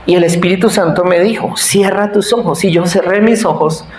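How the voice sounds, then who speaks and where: A man's voice: high voice, fairly even intonation, moderate pace, slight background noise. A man in his forties, a pastor preaching a sermon in a conversational, joking way and asking the congregation to answer him. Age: 40s. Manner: conversational, self-deprecating, asks the congregation to answer. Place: church hall. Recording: echoey church hall.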